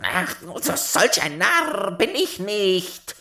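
A man's voice: high voice, very animated, drawn-out words, pushed and bright, voice pushed up, exaggerated voice. Man putting on a snarling old dwarf. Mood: grumbling. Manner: scolding, snarling. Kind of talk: storybook reading.

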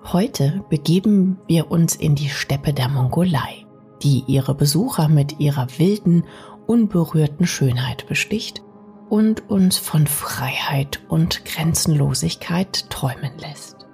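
Slow, low-voiced woman narrating a sleep story. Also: animated. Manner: soft, soothing, partly whispery, addressing the listener intimately. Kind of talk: scripted bedtime sleep story narration, guided relaxation. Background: music.

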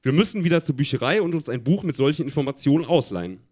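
A man's voice: a little high, lively intonation, fast, darkish tone. A man voicing a friendly, eager young boy in a chatty everyday tone on a live stage. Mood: planning. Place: live stage before an audience.

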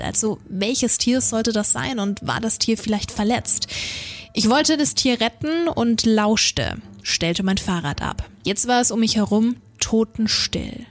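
A woman podcast co-host reading a creepy first-person story aloud in a measured, suspenseful way. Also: medium pitch.

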